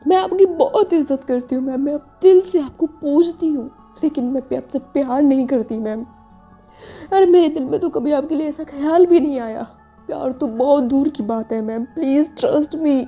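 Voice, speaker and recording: A woman's voice: high voice, normal speed, mellow, voice pushed up. A woman voicing an earnest young female employee who keeps pleading with her boss, in a dull lo-fi recording with faint music. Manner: insistent, repetitive pleading.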